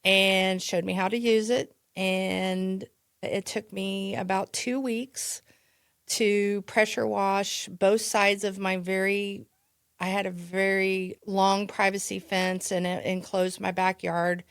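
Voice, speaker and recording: Slow-talking woman with a gravelly voice. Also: mid-range voice, level tone, dry recording, clean studio sound. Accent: Midwestern American. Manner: chatty, with restarts and laughs. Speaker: podcast guest, real estate agent. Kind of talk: casual storytelling.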